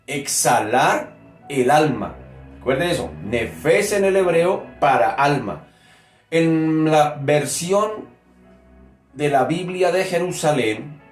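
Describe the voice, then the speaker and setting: A man preaching a sermon, teaching slowly and emphatically and putting direct questions to his listeners. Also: medium pitch, reverberant.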